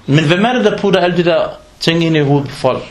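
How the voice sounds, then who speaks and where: A man giving an informal sermon in an animated way, acting out everyday exchanges as he preaches. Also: on the high side, reverberant. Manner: animated, acts out dialogues in quoted voices.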